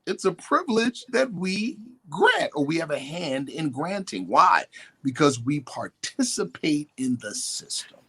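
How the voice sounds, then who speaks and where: On a talk show, a male guest with a slightly rough voice on the high side speaks unhurriedly while lecturing with emphasis. Animated throughout, he quotes definitions and mimics other people.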